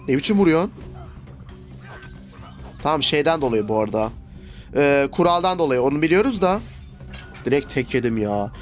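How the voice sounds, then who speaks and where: A young man with a slightly high voice gives casual gameplay commentary, grumbling and exclaiming as the fight goes against him. Soft game music plays faintly behind him. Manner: frustrated, swearing, exclaiming at the game. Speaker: gaming YouTuber.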